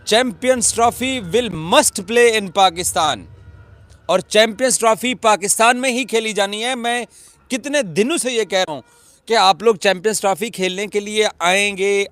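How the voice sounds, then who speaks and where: A man's voice: sits high, fairly bright tone, no echo. Emphatic male commentator, dry sound. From Pakistan. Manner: emphatic, repeats for stress. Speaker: cricket commentator. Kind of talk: live video commentary. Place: outdoors at a cricket ground.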